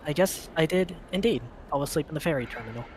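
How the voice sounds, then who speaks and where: A man voicing an upbeat, excitable young woman heroine while reading a visual novel aloud, playful and tripping over words. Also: a little high, fast, slight background noise, close to an everyday voice. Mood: wry.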